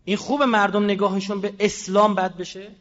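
A man giving a combative public speech, firing rhetorical questions and swinging between loud and quiet. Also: sits high, level tone, big-room sound, dull audio. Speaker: public speaker.

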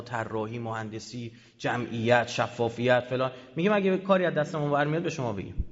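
A man who heads an institute, giving a heated, sarcastic talk to an audience, swinging between loud bursts and low asides. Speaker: head of an institute. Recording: dull lo-fi audio in a reverberant hall.

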